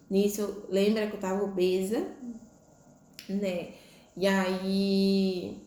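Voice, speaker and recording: A woman's voice: medium pitch, darkish tone. Young woman telling her birth story. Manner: conversational, frequent "né?" tag questions. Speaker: vlogger. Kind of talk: personal storytelling. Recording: echoey room.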